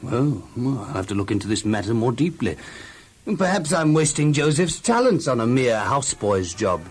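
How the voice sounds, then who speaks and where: In a children's audio Bible drama, a male actor voices the rich, effusive master of an ancient household, speaking expansively with emphatic, halting repetitions. His medium-pitched voice swings widely yet stays close to everyday speech, sounding curious and surprised.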